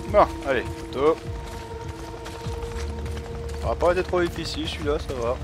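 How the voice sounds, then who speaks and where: A man's voice: fairly high pitch, moderate pace, music in the background. A man commenting casually on his video game, thinking aloud in colloquial language. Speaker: let's play gamer.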